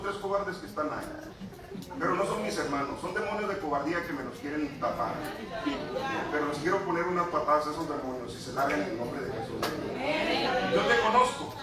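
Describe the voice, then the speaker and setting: A man preaching an impassioned Pentecostal sermon, speaking straight to his congregation. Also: a little high. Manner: impassioned, addresses congregation directly. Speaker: pastor. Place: church hall. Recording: echoey church recording from far off.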